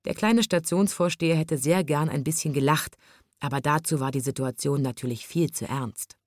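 A woman reading a children's story aloud in a calm, expressive storytelling manner, close to the microphone. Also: deep voice, moderate pace, dry recording.

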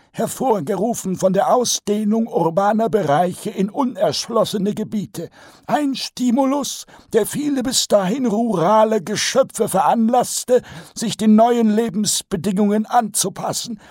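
A pompous old archchancellor wizard. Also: male voice, high voice, a little mellow, slightly rough, no echo, studio quality, pitched above the performer's own voice, exaggerated voice. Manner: slow, drawn-out, cheerfully lecturing.

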